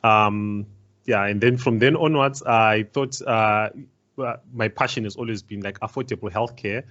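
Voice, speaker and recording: A man from Zimbabwe on a career panel, speaking haltingly with many pauses and fillers. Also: on the low side, a bit bright. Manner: halting, many ums and uhs. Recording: dull lo-fi video call.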